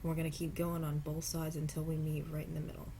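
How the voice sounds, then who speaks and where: Her voice low and stuffed up from a cold, a woman talks viewers through crafting earrings at a home craft table. The step-by-step tutorial is casual and unhurried, dotted with the odd apology, and a faint hiss lingers in the background.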